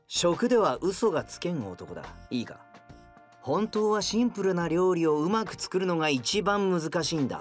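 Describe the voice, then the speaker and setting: In an anime audio drama, an actor with a male voice on the high side plays an arrogant, grudging young hero who is also a gourmet. He speaks in a pompous, blustering, rough way.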